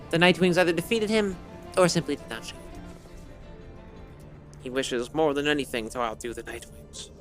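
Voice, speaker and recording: A man streams a game, first reading its story text aloud and then chatting casually, rambling and correcting himself with plenty of fillers. His voice is slightly hoarse, a little high, and fairly bright.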